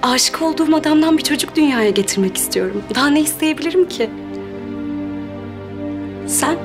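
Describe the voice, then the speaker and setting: A woman's voice: high-pitched, expressive, normal speed. An actress playing a loving young wife who speaks tenderly to her husband in a TV drama. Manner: tender, soft. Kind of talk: TV drama acting. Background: soft sad music.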